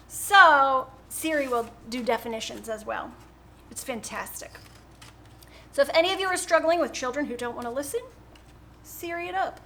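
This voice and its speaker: A woman's voice: fairly high pitch, bright, forceful tone. A woman hosting a live painting stream from home, chatting casually and rambling, laughing often. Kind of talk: casual chat while painting.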